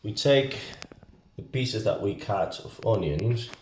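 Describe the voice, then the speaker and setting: A man with a Basque accent and non-native English gives a casual, halting, step-by-step cooking tutorial as an amateur home cook. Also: on the low side, lively intonation, a little mellow. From Basque Country. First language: not English. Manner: halting, step-by-step, often checking with "okay?". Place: home kitchen, indoors. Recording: echoey room, background hiss and clicks.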